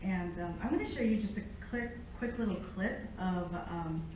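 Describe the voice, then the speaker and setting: Born in Japan and from the United States, a Latin researcher gives a casual guest lecture mixed with personal storytelling, drawing listeners in with questions. Her voice is fairly low, expressive and darkish, at a moderate pace. She's recorded from a distance in an echoey indoor lecture room with faint noise.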